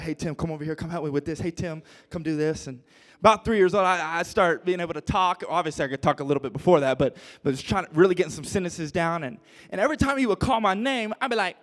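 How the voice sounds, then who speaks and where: A young man preaching a lively sermon as pastor, acting out Bible figures in modern slang. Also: high-pitched.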